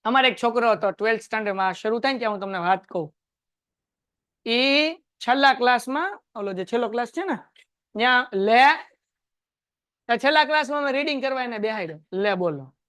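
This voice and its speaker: A male teacher lectures a class on math in a chatty, quizzing way. His voice sits notably high for a man. The sound is dry and close, with little room echo. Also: fairly quick, pauses often, a bit bright, clean tone. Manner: chatty, quizzes students and tells anecdotes. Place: classroom with students.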